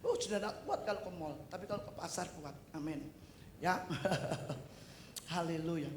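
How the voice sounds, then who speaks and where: A middle-aged woman from East Java, a pastor preaching a sermon in an animated way, with loud exclamations and humorous asides. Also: on the low side, normal speed. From East Java, Indonesia. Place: church service hall. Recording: echoey hall with faint noise.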